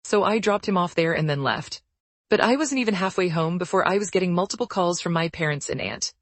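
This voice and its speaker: A woman narrating forum posts aloud in a brisk, even storytelling read. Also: lowish voice, dry recording.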